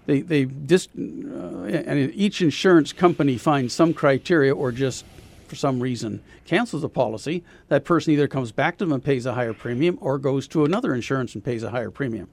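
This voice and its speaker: A man speaking as an insurance consultant guest on a radio talk show, explaining things in a measured way with pauses and fillers. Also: medium pitch, gravelly, a little mellow. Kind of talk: radio interview answers.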